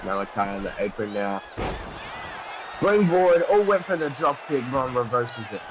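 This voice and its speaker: A man works as a wrestling commentator, with a mid-pitched voice. He calls moves in a dramatic, excitable play-by-play style, often posing questions. The recording is noisy, with clear ambient sound behind him. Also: a little fast.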